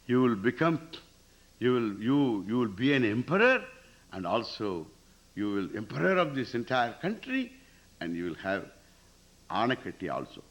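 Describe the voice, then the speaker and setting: Indian-accented man teaching, animated swooping pitch. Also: dull audio. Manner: emphatic, repeats phrases and poses questions to listeners. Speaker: spiritual teacher. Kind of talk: Vedanta scripture discourse with Sanskrit recitation.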